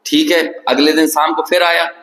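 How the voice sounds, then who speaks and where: A man's voice: a little high, level tone, normal speed, a bit bright. A man giving a religious discourse in a lecture hall, asking his listeners rhetorical questions and acting out little dialogues. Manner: asks the audience rhetorical questions; acts out dialogues from anecdotes. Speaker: Jain scripture lecturer. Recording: long hall reverb.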